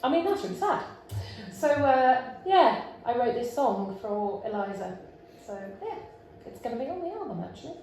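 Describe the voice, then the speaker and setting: A woman singer-songwriter with a fairly high, mellow voice chats casually to a live crowd between songs, tossing in jokes and quick asides. The sound is very echoey, like a live hall, with guitar music in the background. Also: very animated, slight background noise. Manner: chatty and jokey, with quick asides.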